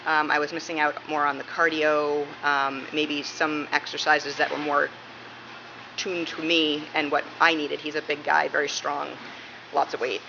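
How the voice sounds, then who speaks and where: A police dispatcher from Massachusetts, United States, is interviewed in a casual way, replying in a low-sitting voice with a level tone at normal speed. The audio is muffled and carries plenty of room noise.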